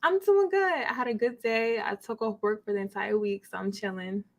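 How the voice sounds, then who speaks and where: A woman's voice: mid-range voice, normal speed. A woman with a Brooklyn accent chatting casually and expressively as an upbeat interview guest. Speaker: podcast guest, anime content creator.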